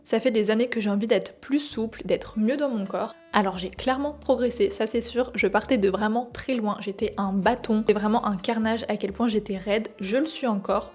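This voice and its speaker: A woman's voice: on the high side, a little mellow. A young adult woman with a French accent, talking casually and candidly to camera in a self-deprecating vlog style. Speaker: YouTuber.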